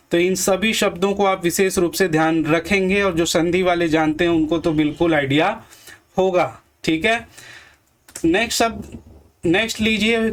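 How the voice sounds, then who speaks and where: A man teaching Hindi grammar for exam prep, slowly repeating each word and quizzing his viewers. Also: high-pitched, a bit bright.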